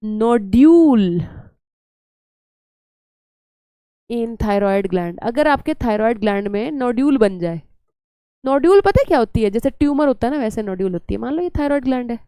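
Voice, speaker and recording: A woman's voice: on the high side, expressive, quick pace, mellow, clean tone, no echo. A young woman teaching biology in a chatty, scolding lecture style, often slipping English terms into her talk.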